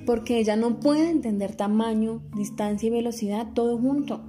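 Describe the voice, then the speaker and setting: A woman playing a caring teacher in a dubbed film, explaining slowly and earnestly over background music. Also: on the high side, dark tone, lightly acted. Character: patient caring female teacher, adult.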